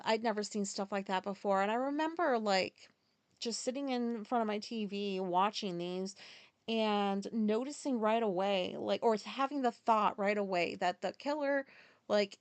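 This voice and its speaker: A middle-aged woman raised in Japan hosts a solo podcast, her medium-pitched voice clean and free of echo. She vents in a rambling, profane way, packed with fillers and asides.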